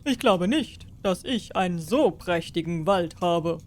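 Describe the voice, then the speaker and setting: A woman voicing a stately fairy-tale king in a storybook reading, speaking with loud admiration. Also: on the low side, animated, unhurried. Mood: impressed. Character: impressed, stately old king.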